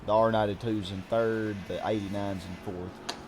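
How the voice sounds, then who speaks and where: Low-voiced man calling a game race. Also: normal speed. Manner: relaxed, reads out race positions. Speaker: streamer host. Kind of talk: casual gaming stream chat and race commentary. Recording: game music behind.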